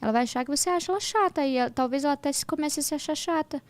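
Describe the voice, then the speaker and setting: A woman's voice: high-pitched, very fast. A woman and mother, a podcast guest, chatting casually and telling stories in which she acts out the dialogue. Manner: animated storytelling, acting out quoted dialogue. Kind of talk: casual chat.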